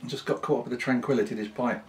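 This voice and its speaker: A British man in a casual, unscripted vlog chat, talking in an unhurried, rambling way with pauses. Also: mid-range voice, fairly even intonation. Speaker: pipe-smoking vlogger.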